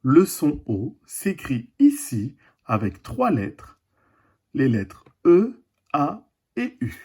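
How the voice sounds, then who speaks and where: A teacher records a reading lesson for young children, pacing each word very slowly and repeating it for the class. The voice is husky and a little breathy, and the pitch rises and falls in a lively, sing-song way. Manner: slow, deliberate, repeats and stretches words. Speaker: primary school teacher.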